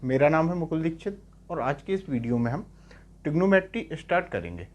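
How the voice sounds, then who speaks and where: A man's voice: a little high, lively intonation, brisk. A male math teacher giving a lecture in Hindi mixed with English terms. He keeps asking short checking questions and repeats each key term. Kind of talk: classroom-style lecture.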